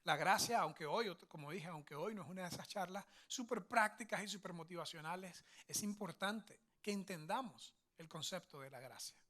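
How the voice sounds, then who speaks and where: A man's voice: high-pitched, moderate pace, few pauses, fairly bright tone. A man, a pastor, giving a conversational sermon with family stories, often checking in with his listeners. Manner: chatty, checks in with "verdad?" and "ok?"; anecdotal, family storytelling.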